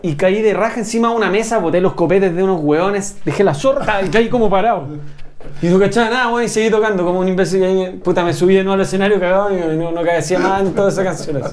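High-voiced Chilean man, crude joker. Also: fast, a little mellow. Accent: Chilean Spanish. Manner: crude, joking, swears freely. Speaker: podcast guest. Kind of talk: casual chat.

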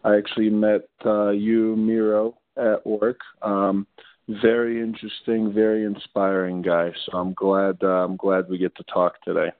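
Polite young guy calling in, lowish voice, thin dry phone sound. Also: completely flat delivery, unhurried, no room sound. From Israel. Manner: polite, modest, slightly hesitant. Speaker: caller, accountant. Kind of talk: casual phone interview. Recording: dry tinny phone line.

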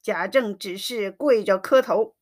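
A woman narrating a classic novel in a slow, measured storytelling reading. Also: medium pitch.

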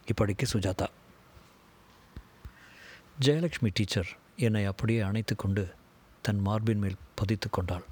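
A man reading a story aloud as scripted narration, in a steady, measured way. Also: on the low side, breathy edge. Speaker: audiobook reader.

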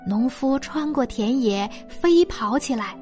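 Woman reading a bedtime story, high voice, unhurried, faint music underneath. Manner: gentle, expressive storybook reading.

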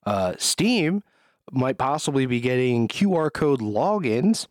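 A man hosting a gaming podcast, reading out the news in a relaxed, filler-laden way, with music playing behind. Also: medium pitch, takes it slowly, no echo. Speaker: podcast host. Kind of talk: casual podcast news roundup.

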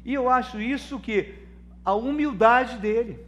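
High-voiced Brazilian preacher, dramatic swings. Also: male voice, measured pace, a little hiss or hum. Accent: Brazilian Portuguese. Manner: dramatic preaching, swings between loud and soft; addresses listeners as brother. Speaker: pastor. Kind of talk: sermon.

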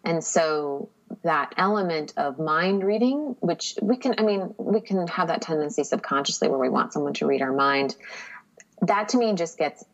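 A woman's voice: low-pitched, animated, normal speed, dull audio. A woman speaking as a podcast guest in casual conversation, reflective and candid, often acting out quotes.

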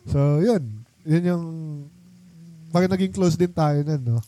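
A man's voice: fairly high pitch, fairly even intonation, measured pace, warm tone. A young man hosting a casual chat with old friends, telling a story in a rambling way with many fillers. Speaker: podcast host.

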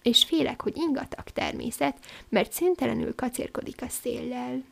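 A woman's voice: fairly high pitch, creaky, fairly bright tone, exaggerated voice. A woman voicing a restless, proud young male swallow who talks bluntly in a storybook reading. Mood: fussy. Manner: chatty and blunt.

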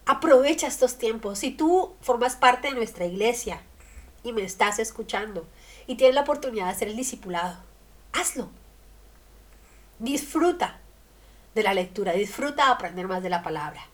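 Woman, radio preacher, higher-pitched voice, emphatic delivery with rhetorical questions. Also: animated, normal speed. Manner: emphatic, rhetorical questions, swings loud and soft. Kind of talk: sermon on the radio.

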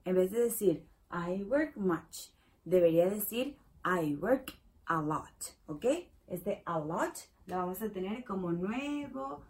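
A woman's voice: medium pitch, mellow. A woman teaching a basic English lesson in Spanish, patiently repeating each example and checking in with the viewer. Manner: says the English model sentences extra slowly.

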